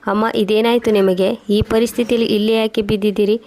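A woman voicing a loving young married daughter, read in a flat, even way. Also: mid-range voice, a little fast, lightly acted. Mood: pleading.

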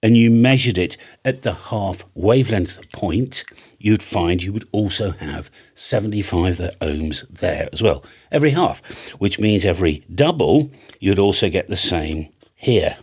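This tutorial comes from a British man in his fifties who operates amateur radio and builds antennas, speaking close into a large boom-mounted studio microphone in his small home studio. His husky, low-pitched voice is animated, a little slow and slightly mellow, and he talks plainly and chattily, checking in with "okay?" and "right?"

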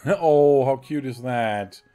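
A man's voice: medium pitch, mellow, soft background music. A man with a German accent streaming a game, reading its text aloud and commenting, chuckling and correcting his own slips. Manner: slow reader who chuckles and corrects himself. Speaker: let's play streamer.

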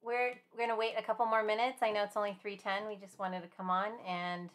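A woman teaching a live-streamed finger painting class in a chatty, gentle way, with many fillers and small laughs. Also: medium pitch, little pitch movement, fast. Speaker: art instructor.

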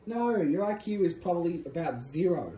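Speaking at a moderate pace in a mellow but animated voice, the Australian-accented vlogger keeps bossing and mocking a sibling for the family skit, swinging between high and low. The banter stays casual. It's shot on a handheld phone in a small, echoey bedroom with blinds and a gaming desk.

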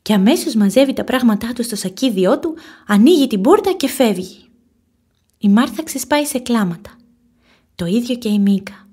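Animated woman reading a storybook. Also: on the high side, breathy edge. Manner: expressive, animated narration.

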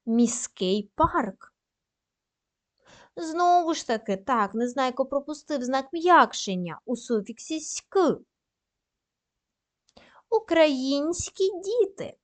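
High, lively-voiced primary school teacher. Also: female voice. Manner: slow, careful dictation with frequent praise. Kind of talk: recorded lesson for young pupils.

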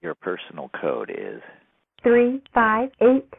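A woman's voice: mid-range voice, takes it slowly, vocal fry. Tinny recorded phone-line woman. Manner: flat recorded announcement. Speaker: automated phone system prompt.

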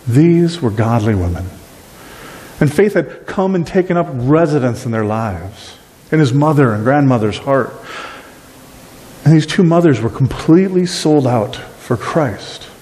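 Preaching pastor in a reverberant church hall. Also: male voice, medium pitch, unhurried. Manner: animated preaching with wide gestures. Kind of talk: sermon. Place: small church sanctuary. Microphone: far camera at back of room.

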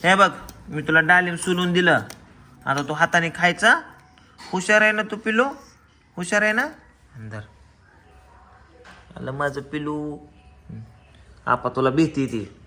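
Young father, home vlog, fairly high voice, bright and forceful tone, patient repeated coaxing of a toddler. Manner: coaxing, repeats short instructions to a small child. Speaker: father filming his children.

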